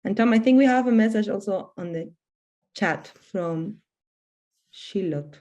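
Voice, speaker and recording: A woman's voice: medium pitch, measured pace, warm tone. A woman from Peru, introducing herself cheerfully on a video call. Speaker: works for the guest. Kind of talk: casual self-introduction.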